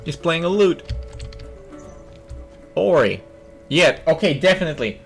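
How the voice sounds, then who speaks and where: Over faint game music, a young male streamer offers casual, joking commentary and thinks out loud as he plays. His voice sits on the high side, gravelly and animated, and he takes his time.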